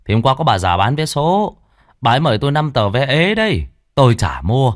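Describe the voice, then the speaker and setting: A man's voice: medium pitch, big pitch swings, fairly quick, no echo, clean studio sound, voice pushed up, close to an everyday voice. A man voicing a chatty male customer gossiping at a tea stall in a story. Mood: gossipy.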